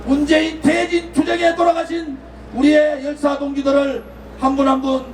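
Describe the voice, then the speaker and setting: An impassioned man with a strained, very high shouting voice addresses an outdoor rally. He stretches out each slogan and leads the crowd in chants. The sound is echoey and far from the mic, with a crowd murmuring behind him. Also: flat delivery, moderate pace, vocal fry. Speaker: political party speaker at a rally. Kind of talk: fiery rally speech with call-and-response chants. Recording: echoey, distant, with crowd noise.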